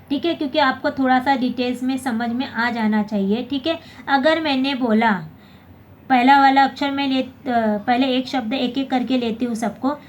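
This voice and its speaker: High-voiced woman teaching basic grammar. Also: slight background noise. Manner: repeats "theek hai" and checks with the class, corrects her own slips. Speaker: Hindi teacher. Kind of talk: explaining a basic grammar lesson.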